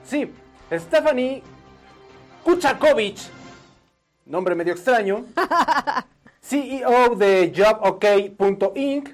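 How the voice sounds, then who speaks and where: A man with a Mexican accent co-hosting a casual live talk show, playful and given to repeating his phrases. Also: sits high. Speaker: co-host.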